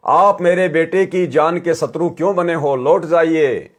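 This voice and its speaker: A grieving mother defending her son, voiced by a male preacher reading the story. She speaks slowly and pleads. The voice stays close to the reader's own, a little higher than usual for a man. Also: close to an everyday voice. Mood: pleading. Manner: pleading, slow.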